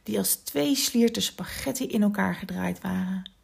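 A woman reads a children's story aloud in a gentle, expressive way. Her voice has a slightly gravelly, husky texture, and now and then she sinks into a hushed whisper. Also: medium pitch, moderate pace. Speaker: storyteller and podcast host.

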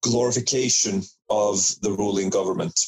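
A man's voice: fairly low pitch, steady tone, moderate pace, darkish tone, rough recording. A man in casual chat, hesitant and searching for his words.

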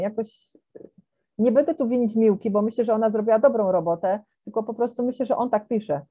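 A woman in a book club discussion, giving frank, measured criticism of a book. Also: mid-range voice, no echo. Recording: muffled dry lo-fi sound.

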